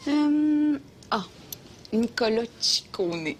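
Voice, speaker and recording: An actress playing a young trendy woman in a taxi, hesitant and gently contrary, in a comedy sketch. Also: a little high, lively intonation, very slow, slight background noise. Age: young adult. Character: young trendy woman passenger, mildly teasing. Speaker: taxi passenger. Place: inside a taxi.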